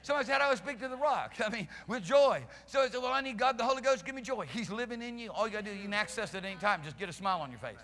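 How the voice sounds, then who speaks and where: Racing along with hardly any pauses, a pastor in his fifties preaches emphatically in a high, expressive, sharp voice. He paces and gestures into a headset mic on a church hall stage with band gear, facing a live congregation, and the hall's reverb rings long.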